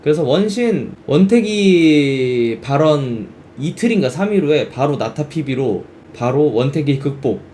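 A man's voice: a little high, a little slow, few pauses, slight background noise. A young man who streams games, chatting casually and acting out reactions in quoted bits. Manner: animated, exclaims and acts out quoted reactions. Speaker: game streamer. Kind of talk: casual game chat.

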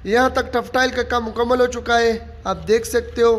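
Speaking at normal speed in an extremely high-pitched voice, a vlogger walks through a stadium construction site giving steady, informal updates and pointing things out to viewers, repeating "you can see." It's filmed on a handheld phone camera, with long reverb and faint site noise.

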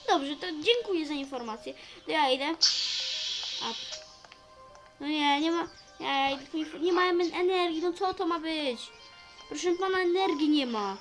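A woman chatting in character as she plays a role-play story, narrating her own actions with sudden excitable outbursts. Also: sits high, a little slow, over music, poor audio.

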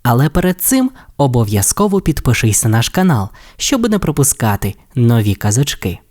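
A man narrating a children's audio tale in an expressive, friendly way. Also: mid-range voice, moderate pace. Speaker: storyteller. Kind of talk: scripted children's story narration.

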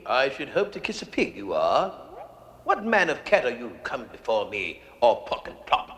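A man's voice: mid-range voice, wildly swooping pitch, moderate pace, fairly bright tone. Fussy, swooping fairy-tale king. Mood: haughty. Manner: theatrical, grandly indignant. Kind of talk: comic fairy-tale drama. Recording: echoey stage-set room.

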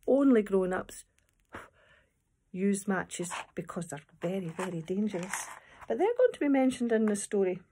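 In a small room at home, a Scottish woman in her fifties chats and reads poems to young children at storytime. She is expressive, uses simple phrases and asks her listeners questions, her voice medium in pitch. A phone or tablet held at arm's length records her against a noisy background.

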